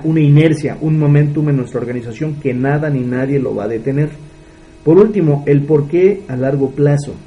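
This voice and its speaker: A business mentor in his thirties with a Mexican Spanish accent gives an earnest motivational talk, posing rhetorical questions. His voice is on the high side with a dark tone. The recording is low quality, with slight background noise.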